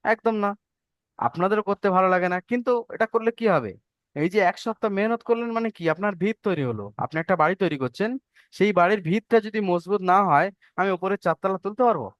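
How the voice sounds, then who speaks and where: A man's voice: sits high, lively intonation, fast, no echo. A man teaching Arabic letters to an online class, patient and checking often that students follow. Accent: Bengali. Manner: patient, repeats and checks understanding.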